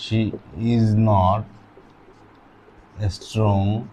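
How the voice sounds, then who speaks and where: A man's voice: fairly low pitch, little pitch movement, extremely slow, warm tone, slight background noise. A male grammar teacher, explaining rules step by step and answering his own questions. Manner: asks questions and answers them himself. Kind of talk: classroom lesson with asides and a told anecdote.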